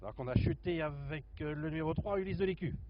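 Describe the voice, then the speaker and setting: A man giving live horse racing commentary, haltingly listing the runners in order. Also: a little high. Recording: muffled, noisy racecourse commentary feed.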